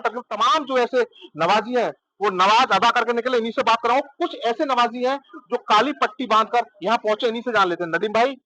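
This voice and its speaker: A man's voice: very high voice, dry recording, low-quality recording. A male television reporter doing a field report and interviewing worshippers outside a mosque. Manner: brisk, with steady listening hums.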